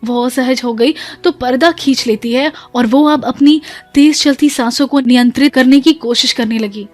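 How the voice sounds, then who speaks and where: A woman narrating a family drama in Hindi as a storyteller, steady and emotive. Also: a little high. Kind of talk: scripted narration.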